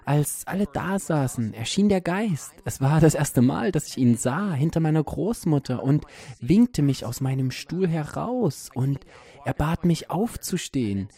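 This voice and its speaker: Guy with a gravelly, dark voice, talking earnestly about a spirit he hears. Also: fairly high pitch, lively intonation, unhurried. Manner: earnest, matter-of-fact about hearing a spirit. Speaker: medium. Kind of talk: personal storytelling talk.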